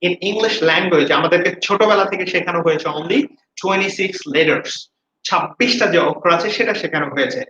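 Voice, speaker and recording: A man's voice: sits high, normal speed, pushed and bright. A man teaching English pronunciation in a video lesson. He speaks energetically and repeats each word so students can say it after him. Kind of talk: classroom-style video lesson, mixing Bengali and English. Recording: roomy, dull recording with faint hiss.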